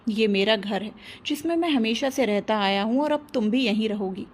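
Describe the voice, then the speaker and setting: A woman's voice: fairly high pitch, animated, normal speed, a little hiss or hum, natural voice. A woman voicing a cold, domineering rich young man in an audio story, speaking curtly and giving orders. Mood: stern. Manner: curt, commanding, stares while speaking.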